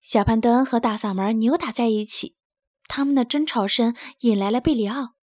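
A woman telling a children's story in a gentle, clear reading voice. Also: a little high, a little fast, no room sound. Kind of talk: storybook narration. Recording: dry, slightly dull recording.

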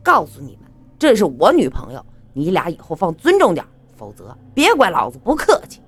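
A woman's voice: lowish voice, huge pitch swings, a little fast. A woman voicing a brash young man in a spoken story, warning others in a firm, threatening way.

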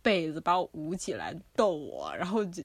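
A woman, co-hosting a casual chat and telling a childhood story with lively swearing and animation. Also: sits low, slightly rough, no echo. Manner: rapid, animated, swears freely. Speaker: podcast co-host.

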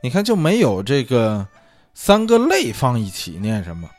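A man's voice: mid-range voice, wildly swooping pitch, normal speed, faint music behind. A man hosting a casual solo talk show, musing aloud in a chatty way with many fillers. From China. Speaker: podcast host. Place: lives abroad.

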